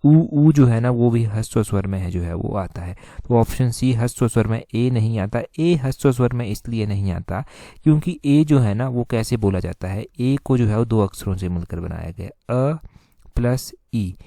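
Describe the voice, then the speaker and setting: A man's voice: lowish voice, normal speed, vocal fry, few pauses, dark tone, no room sound. A man teaching a recorded exam-prep lesson, explaining step by step and repeating answers with lots of filler phrases.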